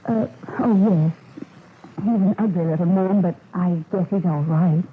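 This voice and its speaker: A woman's voice: fairly low pitch, a little slow, natural voice. A nervous, polite performer answers hesitantly, as an actress plays her. The old radio broadcast is thin and tinny, with faint hiss. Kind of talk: 1940s radio acting.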